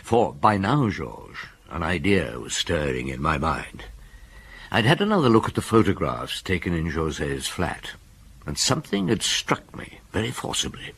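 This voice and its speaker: An actor playing a shrewd, dogged middle-aged police inspector in a radio drama, measured and dryly polite as he probes. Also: low voice, very animated, a bit bright, slight background noise, full character voice. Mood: reflective narrating.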